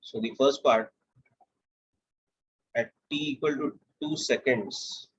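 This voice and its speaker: A young man with an Indian English accent, teaching a physics lesson step by step in a steady, explanatory way. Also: medium pitch, slow pace, highs cut off, a little hiss or hum. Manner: steady, explanatory, walks through steps aloud. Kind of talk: classroom lecture.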